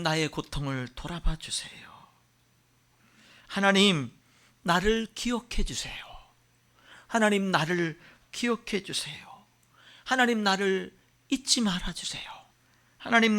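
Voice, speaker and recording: A man's voice: high-pitched, sharp tone, heavily acted. A male pastor voicing a childless woman who repeatedly pleads with God for a son. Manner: pleading, repetitive.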